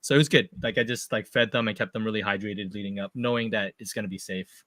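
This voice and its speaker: A man's voice: lowish voice, fast talker, dry recording. A man hosting a casual live podcast chat, talking loosely and laughing often. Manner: laughs often, relaxed chatty. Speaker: podcast host.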